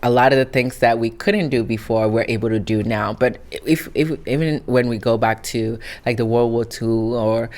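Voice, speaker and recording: A woman's voice: extremely low pitch, steady tone, moderate pace, hardly any pauses, a little mellow. Earnest woman. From Italy. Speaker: interview guest, founder. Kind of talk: reflective interview answers.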